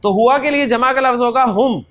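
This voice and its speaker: High-pitched man drilling Arabic pronouns. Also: a little fast, fairly bright tone. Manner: drills pronouns in chanted repetition, says "जी" often; gestures with his hands while explaining. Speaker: Arabic teacher. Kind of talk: classroom-style grammar lesson.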